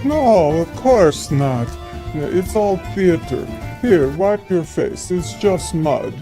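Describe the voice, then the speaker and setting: A woman's voice: lowish voice, animated, slow pace. Woman as a swooping, theatrical masked-ball host, guitar music. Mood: breezy. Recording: loud guitar music behind.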